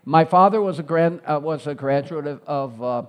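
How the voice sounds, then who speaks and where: A man's voice: on the high side, normal speed, clear, resonant tone, highs cut off. A middle-aged man, speaking as a guest in a talk interview in an earnest, repetitive stump-speech rhythm. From Chicago, United States. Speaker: mayoral candidate guest.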